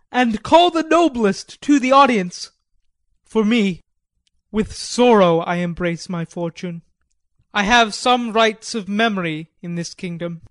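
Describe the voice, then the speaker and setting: An actor playing a proud, grave young conquering prince in Shakespearean tragedy, with stately declamation. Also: male voice, sits high, fairly bright tone, no room sound. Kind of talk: Shakespearean tragedy audio acting.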